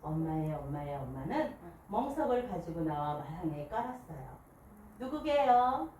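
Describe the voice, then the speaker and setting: A woman's voice: sits low, sing-song, moderate pace, mellow. A woman reading a picture book aloud to a small group, telling it expressively and asking the listeners questions. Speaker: picture book reader at a book club. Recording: echoey room, distant mic, faint hiss.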